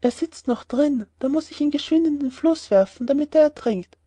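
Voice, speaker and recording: A woman's voice: sits high, normal speed, mellow, no room sound, natural voice. A woman voicing a poor, clever young peasant man in a read-aloud fairy tale, sly and plainly spoken.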